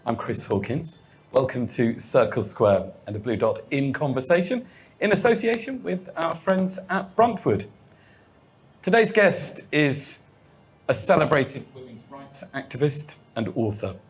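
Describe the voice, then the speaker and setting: A man's voice: mid-range voice, lively intonation, a little slow. A man hosting a live on-stage interview before an audience. He gives formal, welcoming introductions and puts questions to his guest. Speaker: host.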